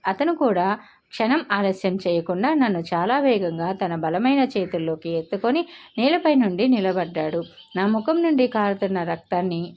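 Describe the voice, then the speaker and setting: A woman telling a first-person novel story as the channel's storyteller, in a dramatic, emotional way. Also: mid-range voice. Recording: slightly dull lo-fi audio.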